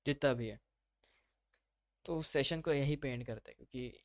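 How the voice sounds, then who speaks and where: A man's voice: mid-range voice, moderate pace, very noisy. A man teaching a live online class, talking students through steps in an informal, chatty way. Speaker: instructor.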